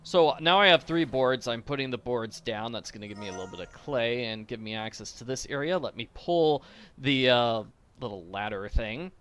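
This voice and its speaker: Bright-voiced man giving game commentary. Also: mid-range voice, lively intonation, moderate pace, soft background music. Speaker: game walkthrough host. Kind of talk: casual playthrough commentary.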